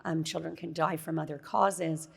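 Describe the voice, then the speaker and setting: A middle-aged woman speaks at a conference with a very low, gravelly voice that she is losing. She is hoarse but conversational and relaxed, with frequent fillers. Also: moderate pace. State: losing her voice. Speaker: conference speaker, child neurologist. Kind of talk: conference talk.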